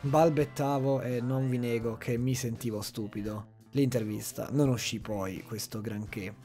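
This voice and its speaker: A man's voice: mid-range voice, fairly even intonation, unhurried, dark tone, faint music behind. A young man narrating his vlog in a candid, self-mocking storytelling voice-over. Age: young adult. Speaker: vlogger.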